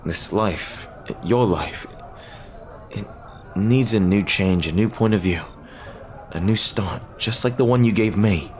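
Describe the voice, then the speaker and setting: In an ASMR audio roleplay, a man plays a lovestruck pirate captain with a low, deep voice. He speaks slowly, earnestly and hesitantly, using tender, formal, old-fashioned phrasing in a pleading mood.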